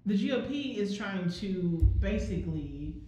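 A woman's voice: medium pitch, animated, measured pace, warm tone, heavy reverb. A woman co-hosting a casual podcast, talking bluntly and heatedly and swearing freely. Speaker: podcast co-host.

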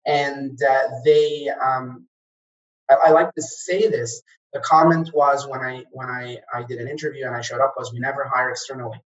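A man's voice: mid-range voice, flat delivery, normal speed. Man, 30s, from Egypt, interview guest, hesitant fillers, distant lo-fi recording. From Egypt, grew up in Kuwait. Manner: hesitant, many fillers and restarts. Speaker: guest, former franchise operator. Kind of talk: conversational interview. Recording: distant, dull lo-fi sound.

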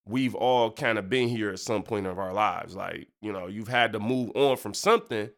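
Here the congested young host, a preacher from Michigan, sounds lower than usual, with a bit of brightness and a moderate pace. His casual faith podcast rolls along in slangy speech full of fillers and side comments.

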